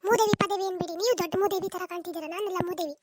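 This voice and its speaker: A woman voicing a snappy squeaky cartoon daughter-in-law. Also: heavy background noise. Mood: retorting. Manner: quick, retorting, argumentative. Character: sharp-tongued young daughter-in-law, defensive. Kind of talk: comic cartoon dub.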